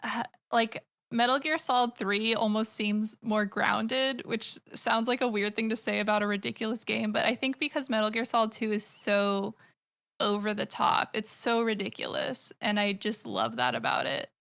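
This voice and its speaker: Here a fairly high-pitched, fairly bright female voice with vocal fry moves at a normal speed. She's an American in her thirties, a comic artist and streamer guesting on a podcast. Her casual chat is eager and meandering, with many fillers and false starts.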